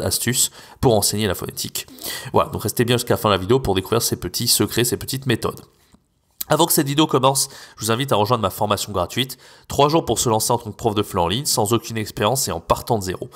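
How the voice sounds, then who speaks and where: A man's voice: fairly low pitch, a bit bright. A young man from France hosting an educational podcast, talking casually with many fillers and self-corrections. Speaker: podcast host, French teacher.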